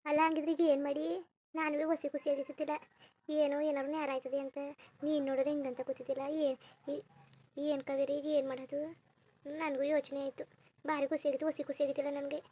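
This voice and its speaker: A woman's voice: high voice, little pitch movement, a little fast, dark tone, close to an everyday voice. Woman voicing Kanaka, a chatty married elder sister. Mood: dismayed. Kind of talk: cartoon voice acting.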